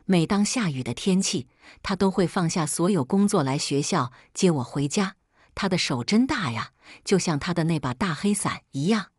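A woman narrating a story in a steady, plain storytelling manner on a close microphone. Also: fairly low pitch, breathy edge, dry recording. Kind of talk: storybook reading.

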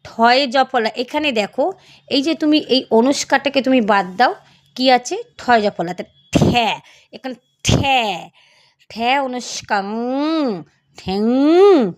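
A woman teaching a reading lesson, spelling out sounds slowly one syllable at a time. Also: fairly high pitch, animated. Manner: slow, drawn-out syllable-by-syllable teaching.

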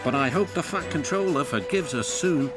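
A man voicing a cheeky small tank engine in a storybook narration, speaking eagerly, over loud music. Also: a little high, expressive, moderate pace, lightly acted.

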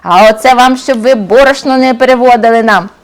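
A mischievous storybook ghost who chases people with shrill, wild cries, played by a woman reading aloud. The voice sits far above her normal range and stays loud. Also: measured pace. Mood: smug. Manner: high shrieking cries.

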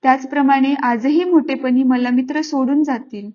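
A woman reads a classic story aloud in a gentle, expressive storytelling manner. Her voice sits high and bright, and the recording is slightly muffled and lo-fi. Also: normal speed. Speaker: narrator. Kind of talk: storybook reading.

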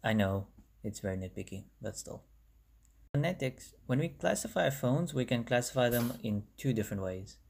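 A young man with a South African accent, a native Bangla speaker, talks at a normal speed in an animated, medium-pitched voice that's gravelly and a little mellow. As a language explainer, he narrates a casual lesson over slides in a chatty way, correcting himself as he goes. The recording was made on a phone.

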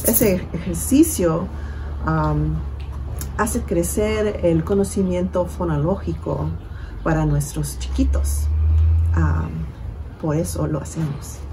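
A woman leading a bilingual children's storytime, switching between English and Spanish and drawing out words slowly to count syllables. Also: fairly low pitch, noisy background. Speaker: children's librarian. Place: library.

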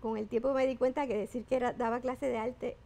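Interview guest: woman in her 50s, high-pitched and gravelly, Puerto Rican accent with a Panamanian tinge, effusive. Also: a little fast. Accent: Puerto Rican Spanish blended with Panamanian. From Puerto Rico. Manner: effusive, expressive storyteller. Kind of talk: casual interview talk.

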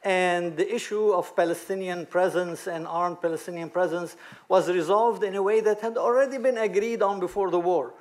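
A man's voice: high-pitched, moderate pace, darkish tone. A man in his fifties from Lebanon, speaking on a conference panel at a table microphone, with frequent hesitant fillers.

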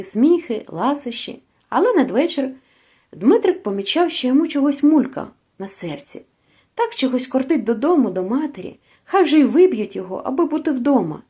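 A woman narrating a literary short story aloud, reading expressively and with deep feeling. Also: warm tone, slightly rough. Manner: emotional, rising and falling with the story. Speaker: audiobook narrator.

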